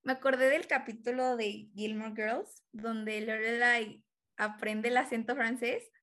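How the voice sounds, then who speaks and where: A woman's voice: on the high side, fairly even intonation, fairly bright tone. Chatty laughing young woman. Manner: chatty, laughs often, quick asides. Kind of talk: casual chat.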